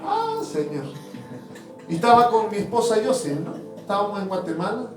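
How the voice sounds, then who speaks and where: A man preaching a sermon to his congregation, fervent and shifting between loud appeals and hushed asides. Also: sits high, huge pitch swings, moderate pace. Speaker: apostle preaching. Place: church hall. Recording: roomy church sound from a distant mic with faint music.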